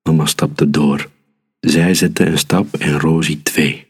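A man reading a children's story aloud, calm and unhurried. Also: extremely low pitch, slightly rough.

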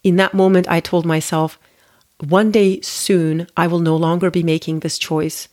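On the low side and level in tone, this darkish female voice keeps a moderate pace. She is a podcast host from Turkey in her forties, recounting her own life in a reflective, chatty monologue full of fillers and restarts.

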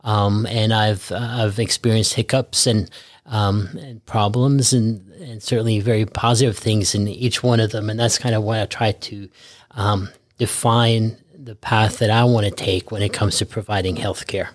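A man in his fifties from Norway, a guest physician speaking reflectively with many pauses and fillers. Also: fairly low pitch, fairly even intonation, dry recording, studio quality. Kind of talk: podcast interview.

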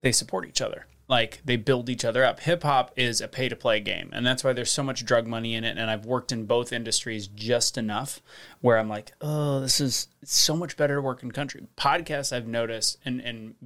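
A man's voice: mid-range voice, steady tone, moderate pace, a bit bright. A man guesting on a podcast, talking bluntly and opinionatedly, swearing freely in casual conversation. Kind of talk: casual chat.

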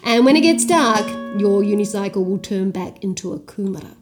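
A woman's voice: mid-range voice, animated, fairly quick, loud music behind the voice, natural voice. A woman with a New Zealand accent voicing a bossy, motherly fairy godmother in a children's story. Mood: instructing. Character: kindly fussing fairy godmother.

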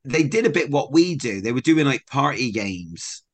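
Chatty upbeat English podcast host. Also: male voice, medium pitch, moderate pace. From England. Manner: chatty storyteller, lively and upbeat. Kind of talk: casual chat.

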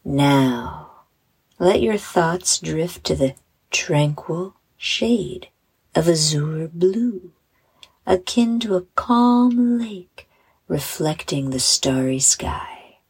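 A woman guiding a bedtime meditation like a sleep story narrator, in a soft, soothing, hushed voice with breathy phrase endings. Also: lowish voice, animated, very slow. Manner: soothing, hushed, gentle delivery with breathy trailing phrase ends. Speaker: host and meditation guide.

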